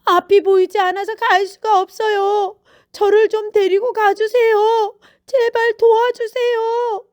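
A woman voicing a desperate blind beggar man who cries out and pleads loudly for help. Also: extremely high pitch, fairly even intonation, very slow, no room sound, studio quality, pitched above the performer's own voice, full character voice. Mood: pleading. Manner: crying out, pleading, wailing.

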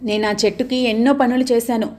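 A woman's voice: fairly high pitch, steady tone, fast, darkish tone, lightly acted. A woman voicing a young boy who is stubborn, hurt and pleading in an audio novel. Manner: pleading, tearful.

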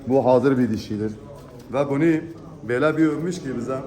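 A man giving an unscripted auctioneer's sales pitch, presenting lots in an emphatic way and repeating his phrases. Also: fairly quick, a little mellow. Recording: echoey room with background noise. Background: birds, pigeons.

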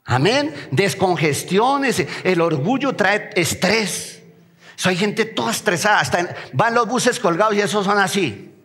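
High-voiced Colombian pastor preaching in a reverberant hall. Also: male voice, a little slow. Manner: lively preaching, quizzing the congregation with rhetorical questions. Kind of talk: sermon. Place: church sanctuary. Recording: long church hall reverb.

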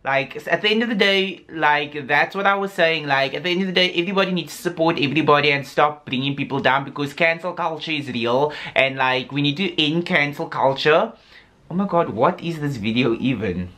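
A man's voice: on the high side, brisk, sharp tone. A young man from Africa, ranting casually and sassily to his vlog audience, full of "like" fillers. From South Africa. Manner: sassy, rambling, heavy on "like" fillers. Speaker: YouTuber.

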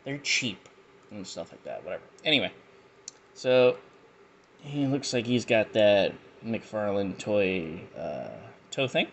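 A man reviewing action figures in a casual unboxing chat. He talks slowly and rambles, with jokey asides and lots of fillers. His pitch stays animated throughout. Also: a little hiss or hum. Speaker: toy reviewer.

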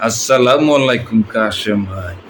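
A man voicing a menacing, swaggering movie villain gang boss with a Bangladeshi accent and drawn-out threatening taunts. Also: fairly low pitch, fairly bright tone, lightly acted. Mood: mocking menace. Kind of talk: film villain dialogue mimicry. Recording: noisy amateur recording.

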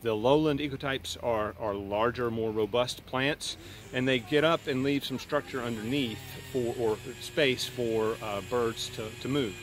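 A man's voice: mid-range voice, unhurried, slight background noise. A middle-aged man, a university plant scientist, explaining things outdoors on a farm in a thoughtful way with many fillers.

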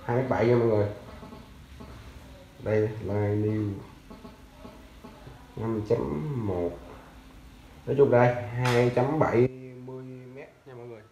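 A man's voice: medium pitch, a little slow, long pauses, dark tone, muffled recording, a little hiss or hum. A young man in a casual sales chat, loosely showing off used fishing reels and rods while sitting on a tiled floor, often calling out to the viewers. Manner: loose and chatty, fumbling for brand names, often calling out to viewers. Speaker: seller of used fishing gear. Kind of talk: casual sales talk to camera. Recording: echoey tiled room.

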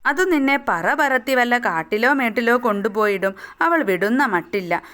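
A woman's voice: a little high, animated, moderate pace, fairly bright tone. A young woman teacher, retelling a children's story and asking her pupils questions as she goes. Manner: explains and asks the listeners questions.

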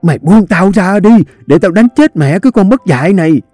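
A man voicing a brash, spiteful middle-aged woman who wails and accuses in a high, shrill voice. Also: expressive, normal speed, mellow, no room sound, faint music behind. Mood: shrieking.

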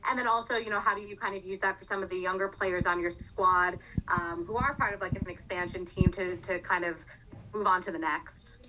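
A woman's voice: fairly low pitch, fairly even intonation, fairly quick, background noise. A woman reporter asking a question at a press conference, hedging with "kinda" and "you know". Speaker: sports reporter.

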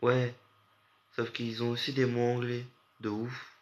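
A man's voice: mid-range voice, monotone, a little slow. A young man from France, sleep-deprived, chatting with viewers on a late-night stream in a rambling, slangy way. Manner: rambling, slangy, talks straight to chat. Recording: muffled lo-fi audio with faint hiss.

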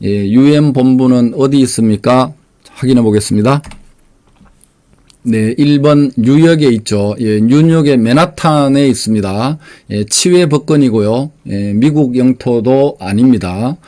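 A man's voice: medium pitch, a little slow, few pauses. A man hosting a quiz channel, reading out questions and giving short explanations in a plain, unpolished voice with many filler sounds. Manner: steady step-by-step explaining. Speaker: quiz host.

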